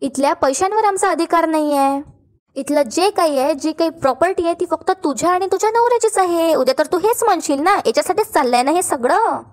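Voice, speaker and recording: A woman voicing a scheming, quarrelsome young wife who trades sharp accusations and plays the victim. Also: extremely high pitch, expressive, fairly quick. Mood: accusing.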